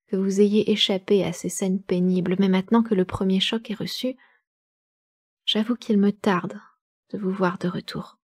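A woman reading aloud the letter of a distressed young woman, in a measured, sorrowful way. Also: mid-range voice, a little mellow, dry recording, clean studio sound.

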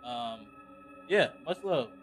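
A man's voice: medium pitch, lively intonation, slow pace, soft background music. A man commentating a horror game as a hyped gamer bro, slangy and profane. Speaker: gaming video host.

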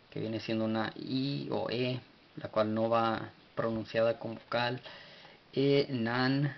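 A man's voice: mid-range voice, highs cut off, slight background noise. A man teaching an informal study lesson, spelling out words letter by letter, stopping to correct himself and chuckling now and then. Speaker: teacher of a religious study group.

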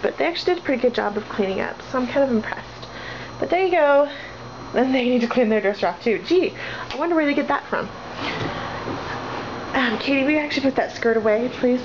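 A woman in her twenties with a slightly high voice vlogs a casual house tour, carrying a handheld camera from room to room and chatting as she goes. She's rambling and self-deprecating, full of asides and jokes about her own clutter. The camera mic gives dull, lo-fi sound with household noise in the background.

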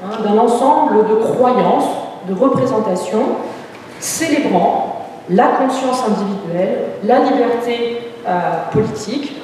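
A woman giving an academic conference talk, pausing often on fillers and restarting her phrases. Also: a little high, a little mellow, slight background noise. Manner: hesitant, many fillers and restarts. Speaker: lecturer. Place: lecture hall. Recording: echoey hall, distant mic.

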